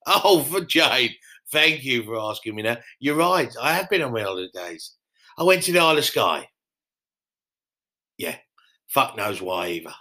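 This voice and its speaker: A man voicing a brash, foul-mouthed middle-aged country pub landlord who talks loud and boastful in a comedy podcast. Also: medium pitch. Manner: boastful, loud, swears a lot. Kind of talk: comedy podcast character monologue.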